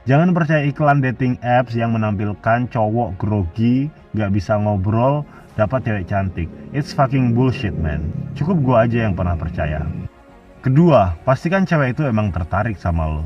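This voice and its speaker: A man's voice: fairly low pitch, lively intonation, moderate pace, recorded from a distance, highs cut off, soft background music. A man giving blunt, casual dating advice as a scripted voice-over. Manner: blunt slangy Jakarta-style casual talk.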